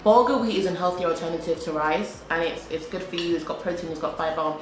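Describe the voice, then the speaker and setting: A young British woman vlogs to camera while eating, chatting in a loose, repetitive way and saying "like" constantly. Her voice is lowish and fast. The room is echoey, with a faint hum in the background.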